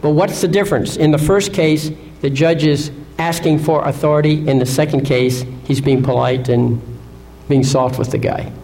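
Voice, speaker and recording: A man's voice: fairly high pitch, steady tone, normal speed, gravelly, a little mellow, rough recording. A man lecturing an audience in an assertive way, often asking rhetorical questions and checking in with "Okay?". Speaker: seminar speaker.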